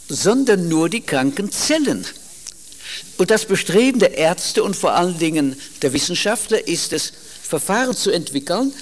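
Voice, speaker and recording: Slow, lively-pitched German preacher. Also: male voice. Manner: emphatic, stresses single words, slow deliberate delivery; quotes scripture verses aloud. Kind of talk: sermon.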